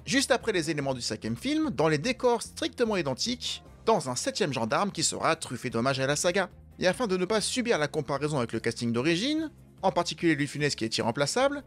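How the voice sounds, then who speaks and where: A man hosting an enthusiastic, chatty, opinionated film commentary. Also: a little high. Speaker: film video host.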